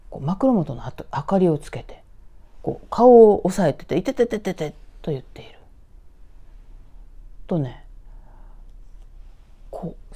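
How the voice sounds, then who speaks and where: A woman from Tokyo telling a ghost story in a hushed, dramatic way, sinking into whispers and voicing the eerie sounds herself. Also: fairly low pitch. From Tokyo, Japan. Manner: hushed, dramatic, dropping to whispers at tense moments; sound effects voiced aloud. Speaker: ghost story author and narrator.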